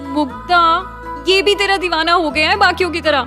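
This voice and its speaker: A woman voicing a young college woman who is a dramatic, teasing friend with a shrill, melodramatic way of talking. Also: normal speed, music in the background.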